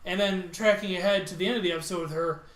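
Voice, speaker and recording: High-voiced man animatedly recapping, echoey room. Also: quick pace. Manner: animated, acts out characters' lines while retelling, swears casually. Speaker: podcast co-host. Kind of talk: casual chat recapping a TV episode.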